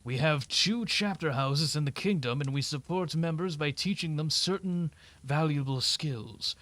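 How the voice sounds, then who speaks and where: A man's voice: a little high, measured pace, a bit bright. A man putting on an old man's voice to read out a scheming game merchant's lines. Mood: sly. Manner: creaky put-on old man voice. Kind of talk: reading game dialogue aloud in voices.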